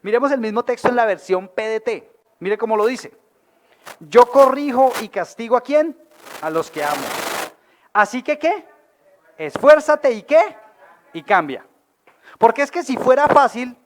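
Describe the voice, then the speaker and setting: A man with a Colombian accent, preaching a sermon as pastor. He is colloquial and humorous and keeps asking the audience questions. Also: high-pitched. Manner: lively, asks the audience questions.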